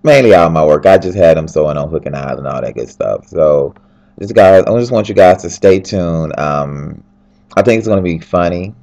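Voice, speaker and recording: A man with a deep, low voice talks straight into a handheld flip camera while lying in bed. He sounds freshly woken and tired, but he keeps his casual video diary chatty and upbeat, rambling from one thing to the next. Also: lively intonation, normal speed, vocal fry, a little mellow. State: tired, just woke up. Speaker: fashion designer.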